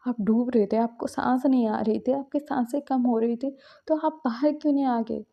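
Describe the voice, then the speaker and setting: A woman's voice: fairly high pitch, normal speed, vocal fry. A woman voicing an upset young man in a storybook romance, reproachful and pleading in a lifted voice. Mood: scolding, frantic. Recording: dull lo-fi recording.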